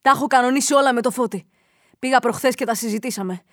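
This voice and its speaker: A woman's voice: fairly high pitch, a bit bright, in a large hall, natural voice. A woman playing a young man on the run who speaks earnestly and plainly. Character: young man Nikolas, hunted fugitive, loyal.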